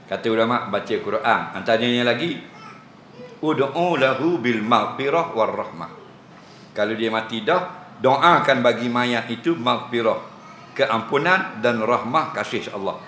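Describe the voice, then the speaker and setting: A man's voice: medium pitch, expressive, unhurried, sharp tone, slight background noise. A man with a Terengganu Malay accent gives an evening religious lecture as a teacher, joking and teasing his audience and laughing often. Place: village prayer hall. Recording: echoey hall with faint ambience.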